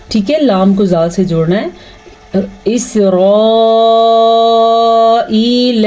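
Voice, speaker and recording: A woman teaching Quran recitation rules, explaining patiently, often checking understanding and breaking into slow, drawn-out recitation to demonstrate. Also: mid-range voice, dark tone. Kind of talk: explanatory tajweed lesson.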